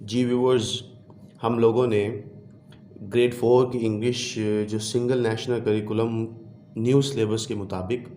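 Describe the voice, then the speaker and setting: A male teacher works through an English exercise for young pupils. He speaks slowly and repeats key terms as he explains. The room around him is echoey. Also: mid-range voice, steady tone, dark tone, a little hiss or hum. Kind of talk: classroom lecture.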